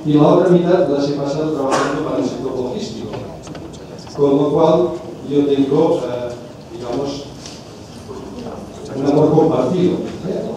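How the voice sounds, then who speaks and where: A man in his fifties from Catalonia with a Catalan accent, giving a conference lecture in a measured way, often pausing and restarting his phrases. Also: mid-range voice. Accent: Catalan Spanish. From Spain, Catalonia. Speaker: conference speaker. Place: large conference hall. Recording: echoey hall from far off, noisy.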